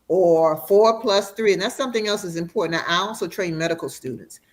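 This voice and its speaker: A doctor patiently explaining. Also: female voice, on the low side. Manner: warm, explanatory, slows for emphasis. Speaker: radiation oncologist guest. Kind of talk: educational interview.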